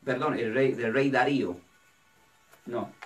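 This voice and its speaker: A man's voice: mid-range voice, fairly even intonation, unhurried. A man, a pastor teaching a Bible study sermon, who asks his listeners questions and then answers them himself. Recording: distant mic with faint music.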